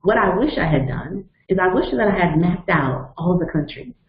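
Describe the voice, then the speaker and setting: A woman in her fifties, a coach facilitating a motivational webinar, speaks in a lowish voice with lively intonation at a normal speed. She explains things step by step and shares personal stories earnestly, though the audio is echoey and narrow, like a phone line.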